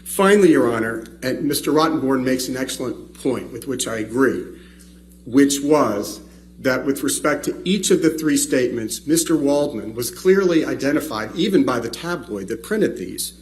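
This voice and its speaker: A man argues as a trial attorney over a faint background hum. His delivery is deliberate and emphatic, with a rhetorical edge, and his pitch sits in an ordinary male middle range. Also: animated, rough recording. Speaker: trial attorney arguing a motion. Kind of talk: courtroom legal argument. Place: courtroom.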